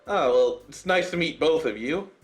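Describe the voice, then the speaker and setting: A man voicing a shy, bookish teenage girl from a game, soft and hesitant. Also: a little high, lively intonation, normal speed, faint music behind, close to an everyday voice. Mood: timid.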